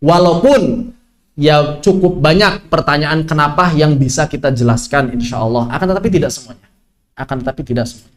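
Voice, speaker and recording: A man teaching an online tajwid lesson, lively, asking questions and answering them himself. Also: on the high side, fairly quick. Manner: lively, asks and answers his own questions. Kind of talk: online Quran recitation lesson.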